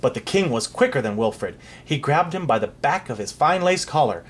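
A reader narrating a storybook aloud for a child in an expressive, animated way. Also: mid-range voice, moderate pace, slight background noise.

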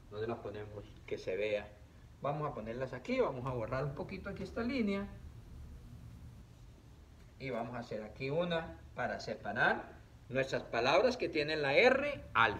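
A male teacher giving a reading lesson to children on camera, stretching out syllables in a playful, animated way. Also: on the high side.

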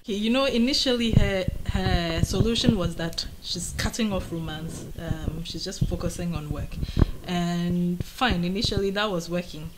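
A woman's voice: lowish voice, moderate pace, very noisy. A woman in her thirties with a Ghanaian accent, answering interview questions in a thoughtful, explanatory way. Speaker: writer being interviewed. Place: indoors on a sofa by shelves of mugs.

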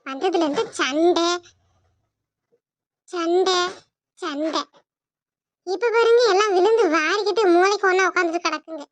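Brief: woman as a fed-up young cartoon woman, very high voice, urgent, Tirunelveli Tamil accent. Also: normal speed, pauses often, no room sound. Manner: fed-up, urging. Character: impatient young woman, eager to leave.

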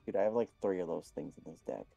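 A man's voice: deep voice, animated, fast talker, creaky, mellow, breathy edge, no room sound, soft background music. A young man chatting casually with a friend while gaming, laid-back and swearing now and then.

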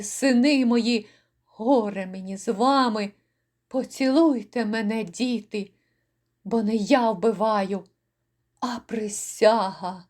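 A woman voicing a grief-maddened Cossack father in a dramatic poetry recital, crying out in anguish with slow, drawn-out lines. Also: on the high side. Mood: grieving. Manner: anguished shouting and lament, drawn out. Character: grief-mad Cossack father, furious and despairing.

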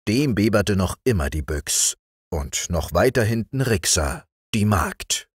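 Man reading a bedtime fairy tale, slow, lively pitch, dry close sound. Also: slightly rough, dry recording. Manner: slow, animated storytelling. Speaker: audiobook reader.

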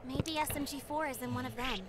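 A woman doing a very high sweet cartoon girl. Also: steady tone, fast, a crowd in the background, lightly acted. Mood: caring.

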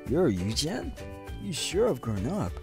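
A woman's voice: low voice, huge pitch swings, a little slow, exaggerated voice. A woman voicing a friendly, easygoing teenage boy in an anime fan dub. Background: music.

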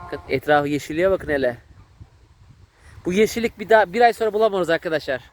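A man, vlogging outdoors in a village and excitedly calling to a dog. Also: high voice, fast. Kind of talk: casual vlog commentary.

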